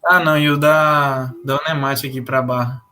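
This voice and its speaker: A man's voice: medium pitch, steady tone, moderate pace, bright, forceful tone. A man answering casually as a student in a class, speaking informally and a little self-deprecatingly.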